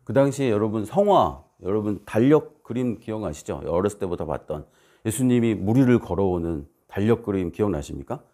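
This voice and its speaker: Animated low-voiced man preaching. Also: fairly quick. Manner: animated storytelling, acting out voices and shouts. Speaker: missionary preacher. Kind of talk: sermon. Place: church.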